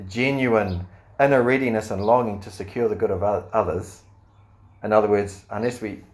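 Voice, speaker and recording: A man preaching a sermon in an earnest way, asking the listeners questions and often pausing on fillers. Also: lowish voice, a little mellow. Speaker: pastor.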